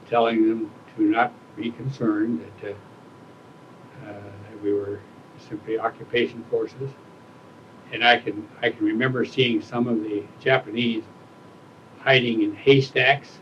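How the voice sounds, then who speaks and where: Male, around eighty, old veteran recalling his past in an interview, searching for words, slight background rumble. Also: lo-fi sound. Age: older, around 80. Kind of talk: oral history interview, reminiscing.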